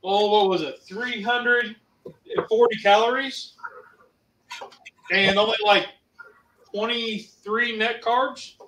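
Reading viewer chat aloud as co-host of a casual livestream, this Ohio man talks slowly and pauses often, chatty yet hesitant, with many fillers. His voice sits high, steady, bright, and forceful. The mic is at a distance in a roomy space, leaving slight background noise.

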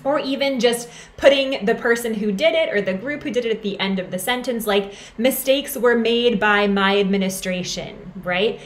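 A woman explaining writing grammar as an instructor, in a clear teaching manner and often asking "right?". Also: on the high side, a little hiss or hum. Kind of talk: lecture over slides. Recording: roomy echo, faint background ambience.

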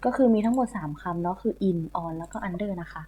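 Over tinny, phone-like audio, a woman with a lowish, warm voice teaches young children English online. She talks fairly quickly while patiently repeating each word and spelling it letter by letter.

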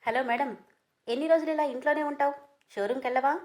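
A woman reading a cheeky young man who won't back off, high playful voice, storybook. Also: fast, lightly acted. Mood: teasing. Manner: playful, pushy banter. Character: young man, teasing persistent lover.

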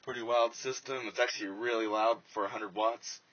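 A plain-spoken man vlogs casually, walking through an install by hand around a truck. His voice is medium in pitch, steady, a little quick and slightly bright. It's captured on a handheld phone or small camera, so the sound is muffled and noisy.

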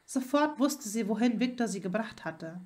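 A woman's voice: fairly high pitch, animated, normal speed, darkish tone. A woman narrating a fan fiction story as an audiobook reader.

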